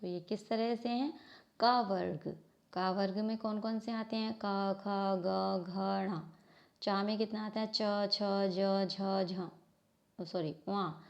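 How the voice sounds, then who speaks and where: A woman's voice: medium pitch, steady tone, vocal fry, darkish tone, dull audio. A woman teacher giving a grammar lesson from a textbook, asking her class questions and answering them herself, sounding out letters one by one. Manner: slow, spelled-out reading of letters.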